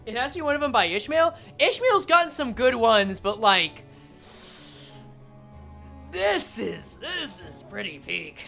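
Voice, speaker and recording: Excitable female game streamer, loud exclamations, very lively pitch, music behind. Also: unhurried, gravelly, long pauses. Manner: animated, swears freely, bursts into loud exclamations. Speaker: streamer reading and reacting to a game.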